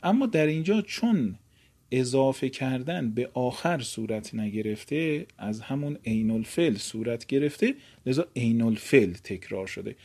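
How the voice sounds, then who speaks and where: A man giving a recorded grammar lecture in a medium-pitched voice. He chants long verb paradigms slowly and drawn out, then explains the rules more quickly, using polite, formal teaching phrases. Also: expressive, a little mellow, husky. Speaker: teacher of Arabic morphology.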